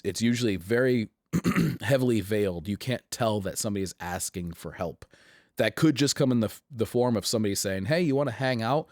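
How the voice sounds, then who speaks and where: A man hosting his own show, talking in a casual, halting way with a scratchy voice, earnest and reflective, often restarting his sentences. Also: on the low side, a little mellow, dry recording, clean studio sound. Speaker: host. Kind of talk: casual chat to camera.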